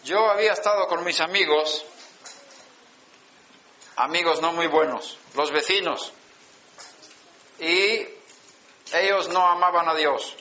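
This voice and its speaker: A man, preaching a personal testimony in slow storytelling with emphatic pauses. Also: a little high, pushed and bright. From Sweden. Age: 60s. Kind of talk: sermon testimony. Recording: dull lo-fi conference recording.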